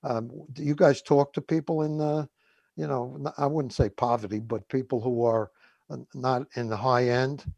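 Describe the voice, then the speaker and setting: Casual, reminiscing radio chat comes from a co-host in his seventies or beyond, a Woodhaven, Queens man with a New York accent who rambles and hesitates. His medium-pitched voice is gravelly and darkish, steady in tone and moderate in pace. The audio is dull but echo-free.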